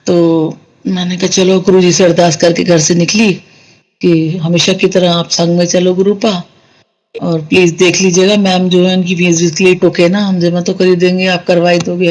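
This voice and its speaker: A woman shares a personal devotional experience in a relaxed, chatty telling. She talks to her listeners directly and warmly addresses them as a congregation. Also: lowish voice, moderate pace, poor audio. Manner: conversational, addresses the listeners as sangat ji. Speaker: satsang storyteller sharing a devotee's experience. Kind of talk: casual devotional storytelling.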